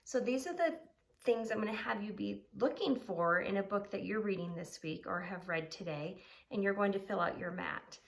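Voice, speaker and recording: Here an elementary school teacher, a woman with a creaky mid-range voice and moderate pace, gives a children's lesson in plain terms. She also reads a storybook expressively, stressing words and asking rhetorical questions.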